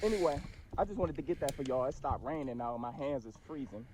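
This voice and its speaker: A man in a spiritual vlog giving rapid, slangy advice about meditation and self-care, recorded outdoors. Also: medium pitch, expressive. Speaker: vlogger. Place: outdoors after rain. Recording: dull lo-fi clip with loud noise.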